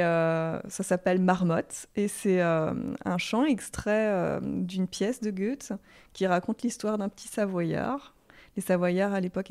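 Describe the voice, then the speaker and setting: A woman's voice: medium pitch, a little mellow. A woman from Alsace, a choir founder and conductor, talking in a chatty interview with many fillers and restarts. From Alsace, France. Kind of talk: casual interview chat.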